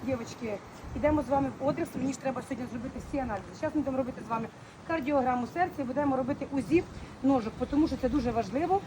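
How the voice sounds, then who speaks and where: Woman, chatty walking vlog, high voice, quick talk, street noise behind. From Ukraine. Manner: chatty, affectionate, mixes Ukrainian and Russian words. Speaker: vlogger. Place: outdoors on city streets, then in a clinic hallway.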